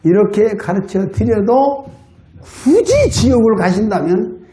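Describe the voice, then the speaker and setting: A man preaching in a Jeolla Korean accent, his voice set high and swinging widely as he tells stories. He plays out both sides of each conversation. His tone ranges from quiet to fervent shouting. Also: slow, echoey room, slight background noise. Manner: animated, acts out dialogue with high excited voice. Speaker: lay preacher. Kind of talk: sermon with acted-out anecdotes. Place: church hall.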